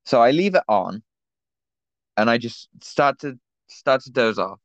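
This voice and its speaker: A man's voice: mid-range voice, expressive, unhurried, no room sound, lo-fi sound. Teen guy telling a rambling story. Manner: rambling anecdote with many fillers. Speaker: podcast co-host. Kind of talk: casual chat, storytelling.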